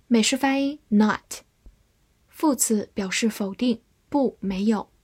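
A woman teaching English vocabulary in a scripted lesson, reading each example sentence slowly and then repeating it. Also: a little high, darkish tone, husky.

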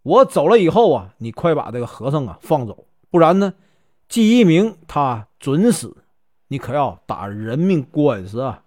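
A man's voice: fairly high pitch, very animated, normal speed, a little mellow, dry recording. Man doing proud hot-tempered Taoist priest, indignant, threatening, Northeastern Chinese accent, dry audio.

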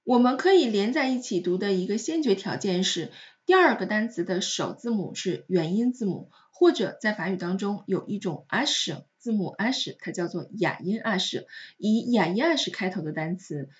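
A woman in a recorded language lesson teaches French pronunciation with patient, step-by-step explanations. Her voice sits at a middle pitch, and she slows down to repeat example words clearly. The recording sounds a little dull and lo-fi. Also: animated.

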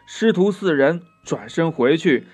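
Male children's storyteller, gentle, chatty asides, slow, faint music behind. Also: fairly high pitch, expressive, husky.

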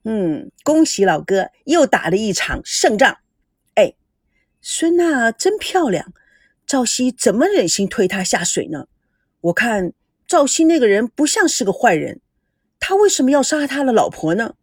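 Give me a woman playing an excitable young sister, high and lively. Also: a little slow, slightly rough, no room sound, studio quality, exaggerated voice. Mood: excited.

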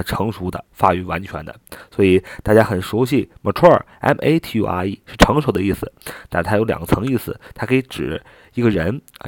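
A man with a lowish voice teaches vocabulary in a patient, explanatory way. His pitch moves a lot as he spells each word out letter by letter and repeats it. The recording is dry and close, with no room sound. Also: no room sound. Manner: patient, step-by-step explaining with filler particles.

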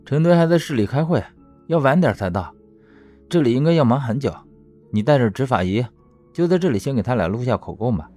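A man voicing an exasperated, brisk police officer in an audiobook drama. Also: medium pitch, animated, warm tone, soft background music, close to an everyday voice.

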